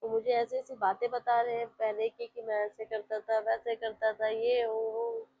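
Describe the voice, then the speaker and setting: A woman's voice: on the high side, level tone, moderate pace. A woman, narrating her day in a casual, chatty vlog voice-over and talking to her viewers directly. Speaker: vlogger. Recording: slightly dull lo-fi with faint home ambience.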